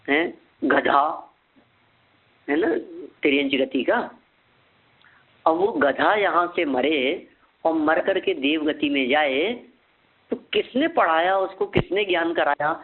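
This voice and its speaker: A man teaching a scripture lesson, asking and answering his own questions and repeating key terms slowly so they can be memorized. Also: on the high side, breathy edge. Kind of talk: scripture lecture. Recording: phone-like narrow sound.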